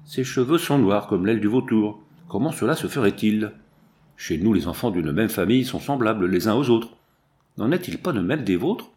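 A man's voice: on the low side, expressive, normal speed, darkish tone, lightly acted. Man reading cunning warrior orator, mocking, argumentative, storybook speech. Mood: scornful.

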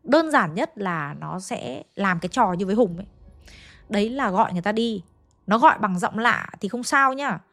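A woman's voice: mid-range voice, normal speed. Woman telling a ghost story. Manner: lively, shifting pace and loudness for suspense. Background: faint background music.

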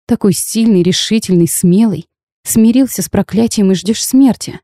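A woman reading the lines of a bold, sharp-tongued young half-fairy bride in a storybook tale, lively and teasing in tone. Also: medium pitch, normal speed, no room sound, studio quality, pitched above the performer's own voice, natural voice. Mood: spirited.

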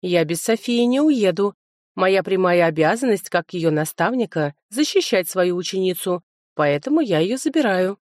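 An earnest male academy tutor speaks in a formal, low-pitched voice, read by a woman narrator. The storybook sound is dry and close. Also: lively intonation, normal speed, darkish tone, no echo, lightly acted.

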